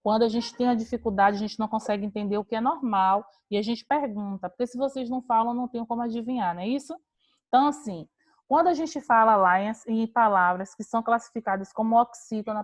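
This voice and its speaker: A woman teacher giving an online class on a video call, explaining step by step with patient rhetorical questions. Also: on the high side.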